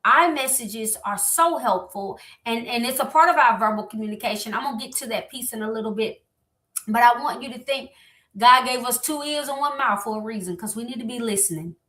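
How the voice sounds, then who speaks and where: A woman hosting a motivational talk on relationships, lively and animated, speaking straight to her listeners. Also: fairly high pitch, brisk. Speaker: host. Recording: echoey room.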